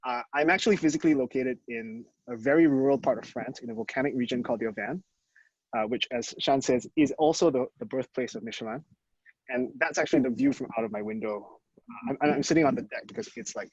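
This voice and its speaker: A man's voice: mid-range voice, husky, no echo. A man from Singapore, a professor, presenting fluently over a video call from an outdoor deck. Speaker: guest speaker, professor. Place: outdoor deck in rural countryside. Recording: dull, dry call audio.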